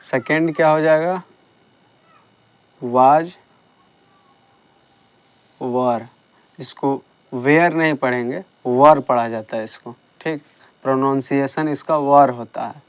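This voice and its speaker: Slow, smooth-voiced male teacher. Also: medium pitch, dry recording, highs cut off. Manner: slow, patient explaining with repeated checks. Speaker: English teacher. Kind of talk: classroom grammar lesson.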